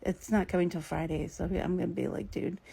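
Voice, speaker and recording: A woman's voice: on the low side, fairly even intonation, fairly quick, gravelly, warm tone, slightly rough, rough recording. A woman caring for her father tells a story in a casual vlog, often dropping to a whisper and laughing as she talks. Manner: often drops to a whisper, laughs through the telling. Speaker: family caregiver for her father.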